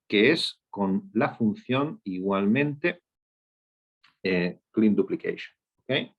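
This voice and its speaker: Speaking in a lowish, creaky voice, this male data instructor walks listeners through code on a shared screen, one step at a time. He keeps checking in with "¿eh?" and "¿ok?" after almost every point, and the audio is dull lo-fi.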